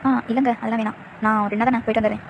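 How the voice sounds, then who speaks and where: A hurt young wife, put on by a woman narrator in a fan story, quiet and self-effacing. She speaks softly and in a subdued way, with a fairly flat pitch. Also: very fast, a little hiss or hum, lightly acted. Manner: soft, subdued, hiding sadness.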